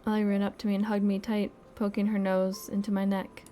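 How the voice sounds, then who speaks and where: Young female streamer, mellow and playful narration over faint game music. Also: mid-range voice, brisk. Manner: expressive, playful reading with laughs and asides. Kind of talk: reading a story game aloud.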